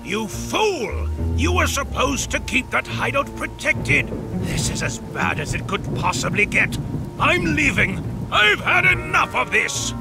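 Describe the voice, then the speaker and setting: A man's voice: expressive, normal speed, vocal fry. A man voicing a blustering immortal villain. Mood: furious. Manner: swings from low scoffing drawl to high shouting. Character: blustering immortal male villain, haughty and short-tempered. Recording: game audio under loud music.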